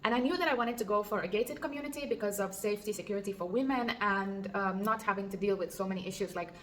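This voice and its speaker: A Finnish woman in her thirties, a vlogger and Airbnb host, chats earnestly to camera inside her apartment, using fillers. Her medium-pitched voice is fast and fairly bright, with slight background noise.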